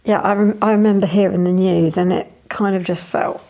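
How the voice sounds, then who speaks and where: A woman's voice: medium pitch, fairly even intonation, brisk, mellow. A woman hosting a casual interview, chatty and rambling, letting sentences trail off. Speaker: podcast host.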